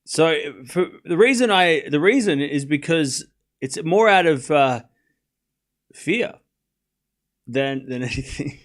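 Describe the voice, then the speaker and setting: An Australian streamer does live tennis commentary, mixing play-by-play with casual chat. His voice is a little high and slow, with long pauses. He comes across as relaxed and rambling, reading viewer messages aloud, replying to them, and swearing casually.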